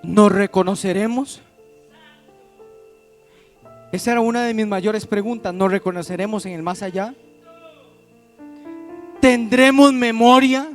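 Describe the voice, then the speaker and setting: A man's voice: high-pitched, moderate pace. A man preaching a pentecostal sermon, calling out to the congregation with questions. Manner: addresses the congregation as "iglesia", asks questions to the crowd. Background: instrumental music.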